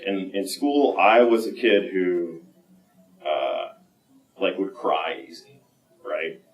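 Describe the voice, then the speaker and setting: A man giving a candid personal talk at a conference, halting and full of fillers and restarts. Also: lowish voice. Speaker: conference speaker. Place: conference room. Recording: echoey room, mic from a distance.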